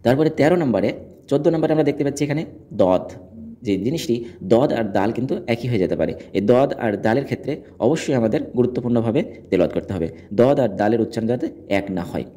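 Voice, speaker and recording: Mellow-voiced man teaching pronunciation. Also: mid-range voice, animated, fast. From Bangladesh. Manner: instructive, demonstrates sounds aloud. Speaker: Quran recitation teacher. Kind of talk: explaining letter pronunciation.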